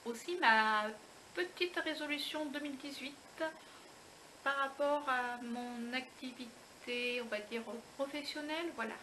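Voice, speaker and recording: Bright, chatty French woman vlogger. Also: high voice, unhurried, slight background noise, poor audio. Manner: chatty, exclamatory, many fillers and restarts. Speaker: beauty vlogger. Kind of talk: casual unboxing chat.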